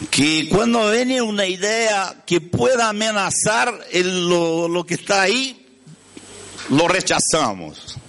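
Preaching in Spanish despite Portuguese being his native tongue, this man from Brazil carries a Brazilian Portuguese accent through a storytelling sermon. He frequently poses questions to the audience and gropes for words, in a high-pitched, slightly bright voice.

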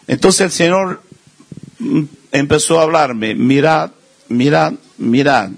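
Preacher guy, slow and gravelly, chatty sermon, jokes at himself. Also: fairly high pitch. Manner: conversational, self-deprecating humor, acts out quoted voices.

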